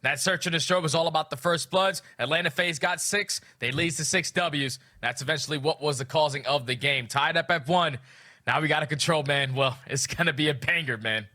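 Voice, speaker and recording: A man's voice: a little high, a little fast, pushed and bright. A man giving punchy, informal esports match analysis as a caster. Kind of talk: broadcast match commentary.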